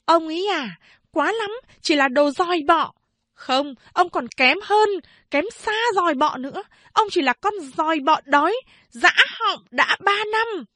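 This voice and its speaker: Woman doing a mocking young woman, high and cutting. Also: animated, a little slow, bright, forceful tone, no room sound, heavily acted. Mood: scornful. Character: sharp-tongued scornful young woman.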